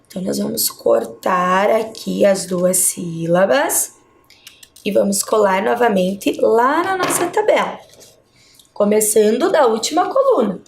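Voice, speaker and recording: A woman primary school teacher with a Brazilian Portuguese accent, giving a video lesson to children, patiently breaking words into syllables and checking in often. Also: fairly high pitch.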